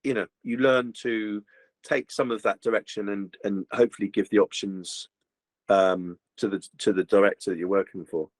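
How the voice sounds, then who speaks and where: With a lowish voice at a moderate pace, a man guesting as a voice actor chats animatedly in a casual interview, restarting often and saying "you know" a lot. His home-booth recording is dry and low-quality.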